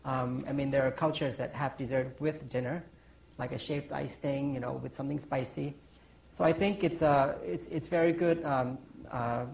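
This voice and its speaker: A man's voice: fairly high pitch, rough recording. Man from Thailand, 40s, pastry chef on a panel stage; meandering, filler-heavy answers. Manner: rambling, many ums and restarts, chuckles. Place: conference stage.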